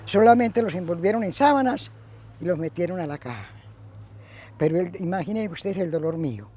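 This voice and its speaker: A man with a high but dark-toned voice gives pained testimony. He speaks emphatically about his loss. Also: animated, brisk. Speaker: bereaved father interviewee. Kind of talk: emotional testimony.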